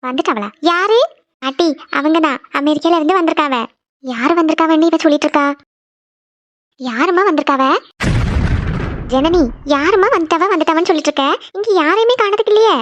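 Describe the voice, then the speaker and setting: A woman's voice: very high-pitched, brisk, pauses often, fairly bright tone, slight background noise. A woman voicing an elderly grandmother who frets and scolds in a cartoon. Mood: puzzled. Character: elderly grandmother, fussy and caring. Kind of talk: cartoon voice acting. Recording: dull lo-fi audio.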